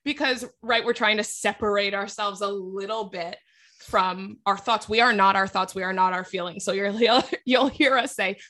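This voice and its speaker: A woman's voice: mid-range voice, normal speed, pushed and bright. A woman co-hosting a casual podcast as a clinician, chatty and rambling, with lots of likes and self-corrections. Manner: chatty, loses her train of thought, many likes.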